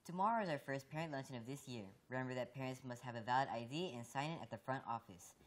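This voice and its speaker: A teenage student news anchor reading school announcements in a brisk, matter-of-fact way. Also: female voice, a bass voice, slight background noise. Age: teens.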